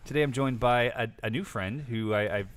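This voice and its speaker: A man's voice: medium pitch, brisk. A man hosting a podcast in casual chat, playful and rambling, laughing often. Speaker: podcast host. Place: lives in Florida.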